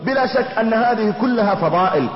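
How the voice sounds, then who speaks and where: A man delivers a storytelling sermon at a brisk clip, acting out the people in his stories. The sound is dull and lo-fi, and it rings with a long reverb like a large prayer hall. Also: high-pitched. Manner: lively storytelling, voicing the people in his anecdotes. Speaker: preacher. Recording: echoey hall, dull lo-fi recording.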